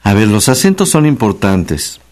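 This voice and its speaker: A man with a Mexican accent hosting a casual radio talk, explaining spelling like a chatty teacher and slowly repeating the key words. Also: fairly low pitch, big pitch swings, a little mellow. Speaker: radio host. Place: radio studio.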